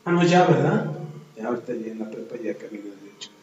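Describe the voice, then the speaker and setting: A man's voice: mid-range voice, lively intonation, fast talker, a little mellow, highs cut off, a little hiss or hum. A middle-aged man preaching a sermon in a church, emphatic, repeating his phrases and adding jokey asides. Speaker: pastor. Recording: echoey church hall.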